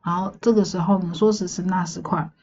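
Breathy woman telling a dream. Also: lowish voice, steady tone, fairly quick, darkish tone, dull audio. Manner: chatty, meandering, hedging recall. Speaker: podcast host. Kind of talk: casual storytelling of a dream.

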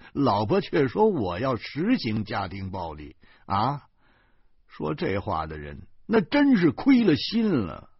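A man tells a comic family story in the first person. He is slow, husky and lively in pitch, playing up his own misery with wry humor. The recording is close, dry and a little muffled. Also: dry recording. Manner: wry, exaggerated self-pity. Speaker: audiobook narrator. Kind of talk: storytelling narration of a comic novel.

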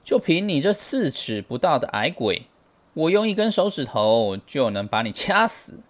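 Casting: a big, boastful demon king who sneers at his foes, a touch higher than plain talk, put on by a man reading a storybook. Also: big pitch swings, moderate pace. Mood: sneering. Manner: sneering, arrogant.

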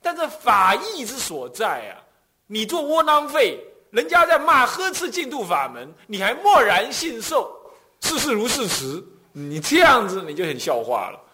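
Animated Taiwanese monk giving dharma talk. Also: male voice, very high-pitched, moderate pace. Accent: Taiwanese Mandarin. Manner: animated storytelling, acts out quoted voices. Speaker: Buddhist abbot.

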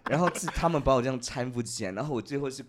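A man's voice: medium pitch, animated, quick pace. A man from Taiwan, telling a comic story on a podcast and laughing often. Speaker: podcast co-host. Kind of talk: casual chat, comic storytelling.

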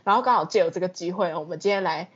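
Husky young Taiwanese woman co-hosting. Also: lowish voice, rapid-fire, lo-fi sound. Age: young adult. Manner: chatty, teasing, colloquial. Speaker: podcast co-host. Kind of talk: casual chat.

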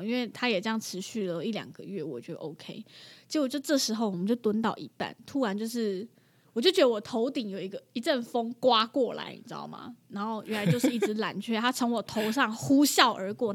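A young mother tells a story in a casual chat, animated and laughing often. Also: on the high side, fast, husky. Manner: animated, laughs often, acts out her own reactions.

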